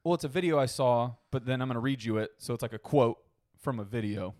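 A man's voice: mid-range voice, fast, darkish tone, no room sound, studio quality. A man co-hosting a podcast in casual chat, playful and goofy, often laughing. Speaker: podcast co-host.

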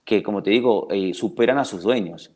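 A low-pitched man from Colombia, a dog trainer talking through his methods in a podcast interview. He speaks in long animated runs, trips over restarts, and acts out the voices of owners and dogs. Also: fairly quick. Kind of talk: podcast interview, explaining at length.

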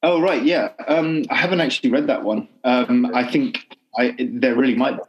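A male poet in a podcast interview, speaking in a thoughtful, halting way with many restarts and fillers. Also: mid-range voice, muffled recording. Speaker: poet guest.

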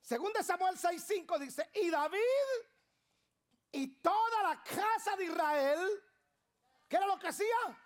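Very high-voiced fiery woman preacher. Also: unhurried. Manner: passionate, calls out to the congregation, bursts into shouts. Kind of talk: sermon. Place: church sanctuary.

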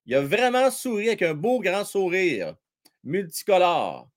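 A man with a Quebec French accent hosting a live hockey stream, commenting on the game and chatting with viewers in a slangy, excitable way. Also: measured pace. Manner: excitable, chatty, slangy, swings between shouting and low asides. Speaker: hockey livestream host.

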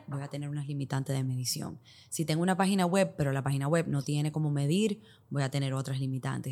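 A woman's voice: sits low, a little mellow. A woman with a Dominican accent explaining things as an expert podcast guest, in Spanglish that drops English business terms into her Spanish. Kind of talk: explanatory interview talk with hypothetical examples.

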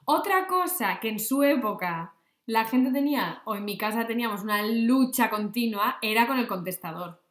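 A woman's voice: a little high, expressive, normal speed, a bit bright. A woman co-hosting a podcast in a casual, playful chat, often acting out quoted voices. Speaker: podcast co-host. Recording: roomy echo.

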